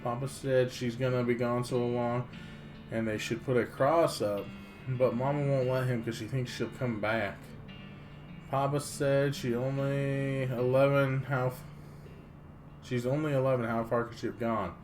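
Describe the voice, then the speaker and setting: A man's voice: medium pitch, fairly even intonation, measured pace, close to an everyday voice. A man reading the diary of a naive, fearful young frontier girl from a game, in plain childlike phrasing. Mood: sad, reluctant. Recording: music playing behind the voice.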